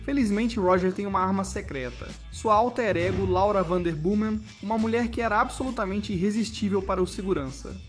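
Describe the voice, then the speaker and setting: A Brazilian narrator reads a scripted video essay about cartoons, with music running behind the voice. The delivery is mid-range in pitch, a little fast, with few pauses.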